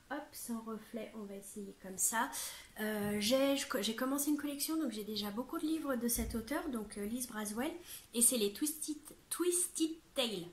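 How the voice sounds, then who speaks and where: Chatty French woman, echoey room. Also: fairly high pitch. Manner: chatty, bubbly, laughs often, many fillers. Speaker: vlogger. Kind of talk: casual chat.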